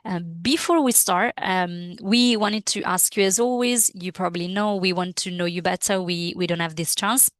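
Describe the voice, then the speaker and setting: A woman who speaks Italian as her first language runs a live software training webinar, sounding hesitant as she pauses often, uses fillers and restarts her phrases. Her voice is low with fairly even intonation. The recording is dry and close, with no echo.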